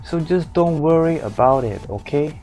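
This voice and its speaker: A man acting a Hong Kong speaker in a demonstration dialogue, with an exaggerated Cantonese accent and monotone delivery. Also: a little high, normal speed, soft background music, pitched above the performer's own voice. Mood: reassuring. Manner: monotone with put-on pronunciation. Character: flat-toned Hong Kong man in everyday conversation.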